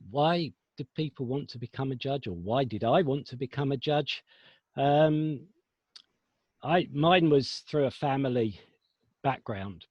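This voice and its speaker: A man from the United Kingdom, a guest on a video call, speaking in a measured way with fillers. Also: medium pitch, dry recording. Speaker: guest, international judge. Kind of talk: casual chat. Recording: dull video call audio.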